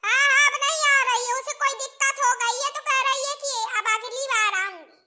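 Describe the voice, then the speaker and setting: A woman's voice: very high voice, fairly quick, sharp tone, a little hiss or hum, voice pushed up, exaggerated voice. A woman voicing a bossy, scheming mother-in-law in a cartoon, scolding in rustic village speech.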